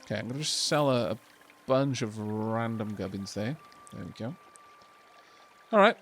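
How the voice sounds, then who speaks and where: A man's voice: fairly low pitch, lively intonation, moderate pace, fairly bright tone, a little hiss or hum. A man who streams games, chatting casually as he comments on his play. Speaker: game streamer.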